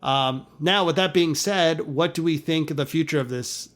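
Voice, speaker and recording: A man's voice: on the high side, normal speed, fairly bright tone. A man co-hosting a casual chat, talking in a rambling, chatty way with frequent laughs. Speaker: podcast co-host.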